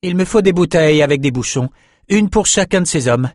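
This is a storybook sorceress who does not waste words, as a male narrator puts her on. Her voice sits higher than the narration and snaps out commands. The recording is dry and close. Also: animated, a little fast, a little mellow, dry recording, lightly acted. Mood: commanding. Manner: curt and commanding. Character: bold, cold-blooded young woman battle magician.

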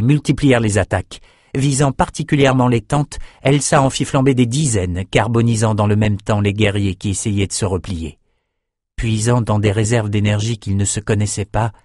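A man narrating a fantasy audiobook in a steady, measured storytelling voice. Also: lowish voice, no echo, studio quality.

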